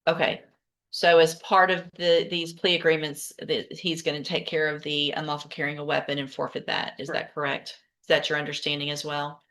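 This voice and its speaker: A woman judge with a low-pitched voice presides over a courtroom. She speaks in a formal, procedural way, with a brisk, direct and commanding manner. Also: flat delivery, a bit bright.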